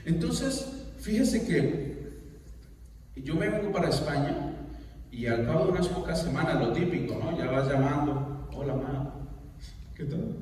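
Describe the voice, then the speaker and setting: Pastor preaching in an echoey hall. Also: male voice, on the high side, lively intonation, measured pace, a little mellow, far from the mic, slight background noise. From Colombia. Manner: storytelling, acts out quoted voices. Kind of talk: sermon with personal anecdote.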